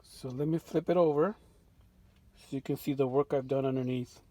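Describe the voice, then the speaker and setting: At medium pitch and a normal pace, a man relaxedly presents his vintage radio restorations from his home workshop. It's an unscripted show-and-tell full of fillers and restarts, recorded without any room sound.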